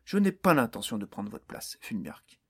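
A man voicing a calm, defiant young hero. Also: lowish voice, moderate pace, slightly rough, exaggerated voice. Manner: calm, confident, mocking.

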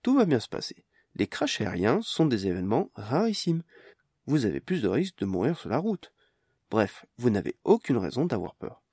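A man voicing a calm, learned magician in an audiobook, with a measured, formal and reassuring delivery. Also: medium pitch, slightly rough, no echo, clean studio sound, full character voice.

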